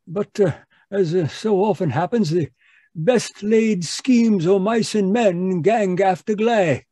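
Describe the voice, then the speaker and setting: A man's voice: high-pitched, slow, dark tone, no echo, studio quality. A man playing a fussy, genial older doctor who stammers and repeats himself while recounting old cases in a radio drama. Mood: genial, reminiscing. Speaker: storytelling narrator character. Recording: live video-call performance.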